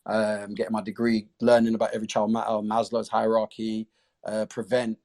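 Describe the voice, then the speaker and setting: A man's voice: fairly low pitch, monotone, fairly quick, a little mellow. A man talking casually in an interview, explaining the project he founded. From came to the UK as a child refugee.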